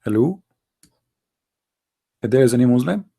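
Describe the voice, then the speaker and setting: A man's voice: medium pitch, animated, normal speed, gravelly, warm tone, husky. A man hosting a call-in religious debate show, firing off combative rhetorical questions in non-native English. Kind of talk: live-stream religious debate talk.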